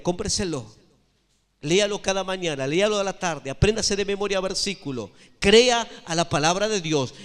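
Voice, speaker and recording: Male pastor, high-pitched emphatic preacher, church with long reverb. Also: a bit bright. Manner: emphatic preaching with repeated phrases and questions to the congregation. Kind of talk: sermon.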